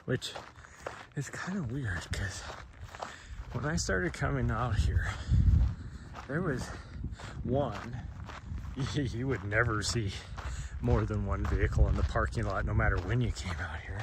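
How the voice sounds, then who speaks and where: A man's voice: lowish voice, a little slow, pauses often. A man chatting casually while out on a trail, rambling with frequent laughs and a throat scratchy from smoke. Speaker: trail runner vlogger. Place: outdoors on a trail. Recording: noisy outdoor recording.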